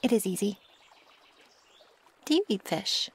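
In an ASMR roleplay, a woman voices a feral young female werewolf who is naive, curious, impatient, and possessive, speaking in an intimate one-sided dialogue. She sounds earnest and curious, using stilted, formal phrasing with no contractions, often breathy or near a whisper. Her medium-pitched delivery is sing-song, a little slow, and heavily acted.

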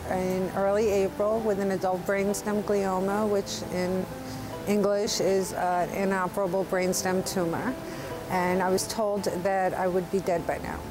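A woman's voice: mid-range voice, level tone, unhurried, rough recording. Woman giving an earnest healing testimony. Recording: music playing underneath.

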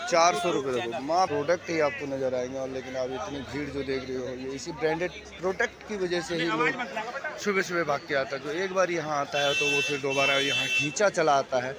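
Chatty man vlogging a busy market. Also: fairly high pitch. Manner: chatty, repetitive, hawks quality to viewers. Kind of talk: walking market tour vlog. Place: crowded outdoor street market at night. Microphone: handheld phone. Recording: loud crowd noise all around.

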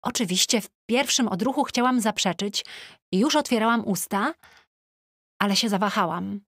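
A woman narrating an audiobook in the first person with a chatty, lively teenage-diary tone, recorded on a close studio mic. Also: mid-range voice, moderate pace, husky, no echo.

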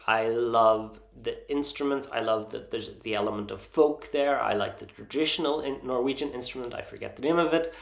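A man vlogging casually about songs he likes, earnest and enthusiastic, often pausing with ums and restarting his sentences. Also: on the low side, vocal fry, fairly bright tone, reverberant. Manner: hesitant, frequent ums and restarts. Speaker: Eurovision vlogger ranking songs. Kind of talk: casual opinion vlog.

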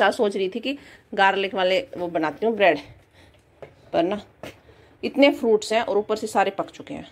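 A woman's voice: slight background noise, rough recording. A woman in her thirties chatting casually through her day at home, a mother talking to her viewers. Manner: chatty, scolds children in sharp high calls. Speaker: vlogger, mother. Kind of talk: casual home vlog narration. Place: indoor home.

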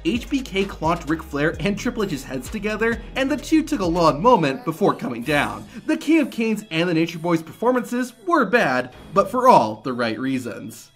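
A man's voice: fairly high pitch, a bit bright. A man reading scripted narration for a wrestling countdown video. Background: music.

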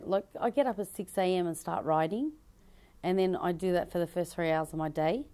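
The interviewer holds out a handheld mic to a woman in her thirties with an Australian accent, a comedian and fashion designer standing indoors in a bridal dress shop. Her voice is lowish and a little mellow, and she answers chattily, laughing easily and restarting sentences as she goes.

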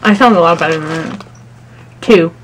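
A woman's voice: lowish voice, normal speed, noisy background. A young adult woman in a casual challenge video, her words muffled by a very full mouth. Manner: talking with mouth stuffed full.

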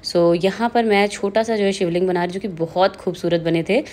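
A woman's voice: medium pitch, a little fast, darkish tone. A young woman chatting casually in a home vlog, slipping English words into her speech. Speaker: vlogger.

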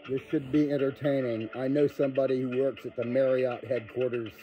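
A man's voice: mid-range voice, level tone, fairly quick, warm tone, soft background music. A man taking a phone call, giving casual, dry, laconic replies and asides. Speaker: person receiving a sales call.

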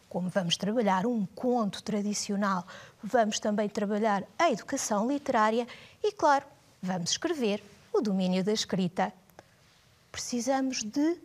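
A Portuguese woman teaching a primary class, speaking encouragingly and directly to her pupils. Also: fairly high pitch. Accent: European Portuguese. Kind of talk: scripted lesson for children.

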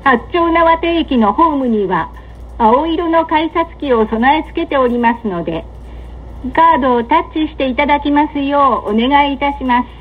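A woman giving scripted automated train announcements in a polite, measured, formal manner. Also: high voice, animated. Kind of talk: scripted recorded onboard announcement. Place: train carriage public-address system. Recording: dull lo-fi train PA, running noise. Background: train ambience.

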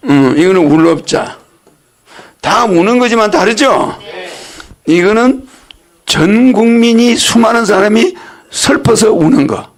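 This is a religious lecture by an older man whose high-pitched voice carries some gravel. He teases his listeners in a folksy way, quizzes them, and keeps breaking into laughter.

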